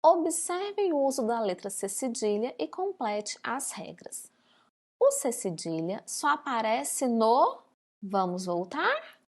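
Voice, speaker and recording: Slow, lively woman teaching children. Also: a little high. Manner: slow, drawn-out syllables for young pupils. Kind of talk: recorded remote school lesson.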